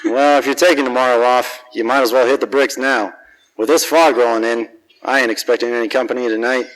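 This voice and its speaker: A man's voice: mid-range voice, steady tone, a little fast, a bit bright, close to an everyday voice, rough recording. Man playing Scrooge, a cynical hardboiled private eye. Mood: gruff, sardonic. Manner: wisecracking, slangy, world-weary. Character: cynical, grumpy, hard-drinking private detective. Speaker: actor narrating as lead detective. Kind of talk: hardboiled 1940s radio detective narration.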